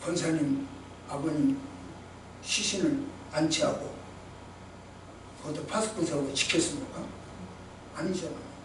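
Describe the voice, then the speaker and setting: Emphatic high-voiced pastor preaching. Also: male voice, unhurried, long pauses, background noise. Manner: emphatic, dramatic, acts out quotations. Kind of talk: sermon. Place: church sanctuary. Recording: echoey church hall, distant mic.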